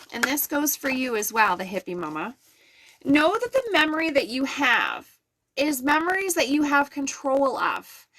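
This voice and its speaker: A woman's voice: high-pitched, pushed and bright. A middle-aged woman giving an earnest, soothing live card reading, talking straight to her viewers. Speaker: intuitive card reader. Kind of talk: live-stream tarot reading.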